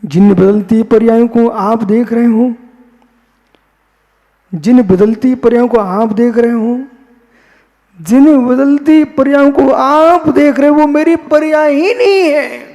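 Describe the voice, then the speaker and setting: A man, a Jain monk, giving a philosophical sermon, posing questions and answering them himself, repeating phrases slowly. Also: extremely high pitch, steady tone, mellow, in a large hall.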